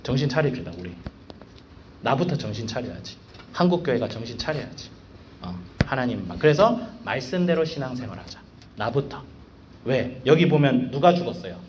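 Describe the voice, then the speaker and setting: A man serving as a school evangelist, giving a casual devotional sermon to students in a slangy, animated way full of rhetorical questions. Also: medium pitch, slight background noise.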